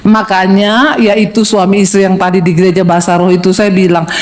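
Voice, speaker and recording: A middle-aged woman pastor from Sulawesi preaches with playful, teasing humor. Her voice jumps to high, bright exclamations, then drops to low, wry asides. She keeps a lively, joking tone throughout the sermon. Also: brisk.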